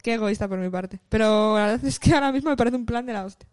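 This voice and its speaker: A woman co-hosting a casual comedic podcast chat, with dark, deadpan sarcasm. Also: on the high side, quick pace, noisy background. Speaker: podcast co-host.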